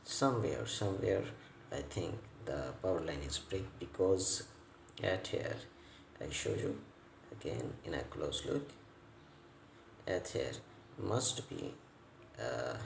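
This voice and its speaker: Slow and halting, a male repair technician whose first language isn't English walks through an unscripted, hands-on electronics fix. Gravelly at the low end, his lively intonation carries piecemeal phrasing and repeated words, recorded indoors with echo and faint noise.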